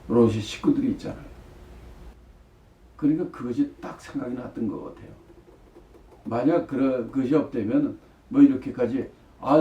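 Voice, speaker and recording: A man's voice: medium pitch, warm tone. Male missionary leading Bible study, reads verses then explains them with rhetorical questions; dull lo-fi recording in a roomy space. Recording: echoey room, distant mic, dull lo-fi sound.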